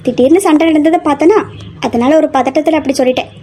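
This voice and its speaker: Young woman as protective female college student, very high voice, scolding tone. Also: fast talker, warm tone, slight background noise, natural voice. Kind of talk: amateur audio drama acting.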